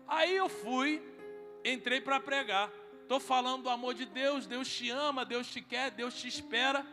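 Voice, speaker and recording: A man with a Brazilian Portuguese accent preaches at a men's congress, telling a humorous story and acting out every line of dialogue. His voice is very high and sharp in tone, and he speaks unhurriedly. The large hall sounds reverberant, with faint music.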